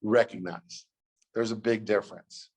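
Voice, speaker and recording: Husky-voiced man giving an animated talk. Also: fairly low pitch, unhurried, low-quality recording. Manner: animated, repeats key phrases, addresses audience by name. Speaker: guest speaker. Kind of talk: motivational talk on video call. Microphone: video call.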